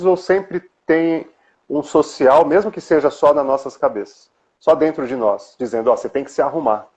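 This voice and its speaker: Guy hosting a live chat show, asks slow musing questions, kinda muffled lo-fi sound. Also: fairly high pitch, a little mellow. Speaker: host of a live psychology talk show. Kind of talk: casual live-stream chat.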